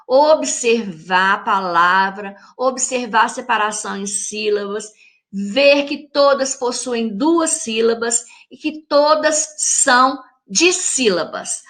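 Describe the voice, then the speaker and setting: A woman teaching a recorded lesson for young children with a Brazilian Portuguese accent. She is patient, checks in with the children and sounds words out slowly. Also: on the high side, sharp tone. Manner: patient, speaks straight to the children with check-in questions; spells words out syllable by syllable. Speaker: primary school teacher.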